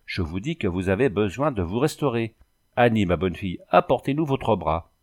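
Guy reading as a brusque excitable doctor, lots of outbursts, swoops up high. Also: moderate pace. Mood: impatient. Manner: exclaiming, bursting into outbursts. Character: excitable blustering male doctor, brusque and eager.

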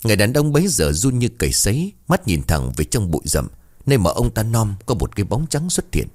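Low-voiced man telling a ghost story. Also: fairly quick. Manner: dramatic, expressive storytelling. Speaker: narrator.

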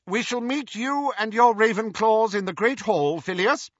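A man's voice: high voice, normal speed, no room sound, lo-fi sound, voice pushed up. A man voicing a stern elderly woman teacher in an audiobook, clipped and authoritative.

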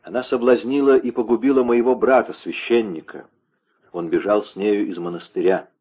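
A man's voice: lowish voice, steady tone, normal speed, breathy edge. A man voicing a dying, wounded executioner who begs desperately for absolution. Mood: pleading. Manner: desperate, begging, gasping. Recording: dull lo-fi recording.

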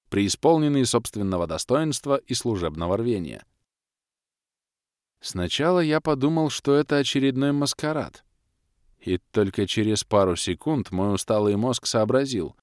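A man narrating a first-person audiobook in a lively, expressive reading. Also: on the low side, dry recording, studio quality.

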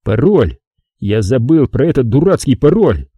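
A man reading an audiobook gives the first-person hero a gruff, exasperated voice close to his own. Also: medium pitch, big pitch swings, moderate pace, dark tone, no room sound. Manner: grumbling, exasperated.

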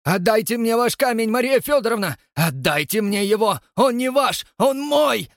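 A man's voice: very high-pitched, sing-song, moderate pace, dry recording, clean studio sound, voice pushed up, full character voice. A man voicing an enraged older father who screams demands and orders killings. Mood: furious.

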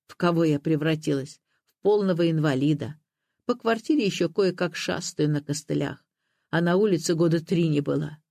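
A reader voicing a frail, bitter old woman who speaks in a flat, cold, tired way. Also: medium pitch, dry recording, studio quality, natural voice. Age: older.

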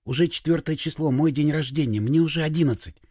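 A man voicing an earnest boy about to turn eleven who speaks in a hushed voice. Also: a little high, quick pace, breathy edge, no echo, studio quality.

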